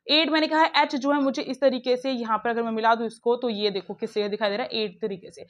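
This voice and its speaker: A woman teacher explaining puzzles step by step in a brisk, coaxing way, talking straight to her students. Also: high-pitched, a bit bright. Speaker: online teacher. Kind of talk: classroom lesson explaining puzzles.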